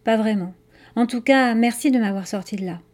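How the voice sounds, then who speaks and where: A wary young girl from a storybook, voiced by a woman. She gives short, hesitant answers in a fairly high, soft voice. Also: a little fast, close to an everyday voice.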